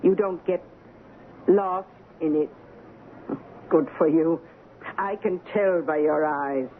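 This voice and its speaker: A woman with a lowish voice speaks slowly, acting the part of a fearless, haughty woman in her eighties in a 1970s radio drama. She is blunt, lecturing and challenging in mood, and the sound is tinny and noisy.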